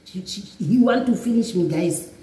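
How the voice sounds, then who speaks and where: A woman's voice: medium pitch, moderate pace, noisy background. Chatty woman, echoey room. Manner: chatty, repeats "guys" often. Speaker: vlogger. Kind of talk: storytime vlog. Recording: echoey room, mic at a distance.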